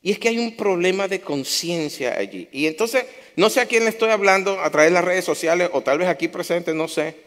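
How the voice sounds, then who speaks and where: A man's voice: high-pitched, brisk, hardly any pauses, fairly bright tone. A man preaching a sermon to his congregation, impassioned, repeating phrases for emphasis. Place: church hall. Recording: long hall reverb.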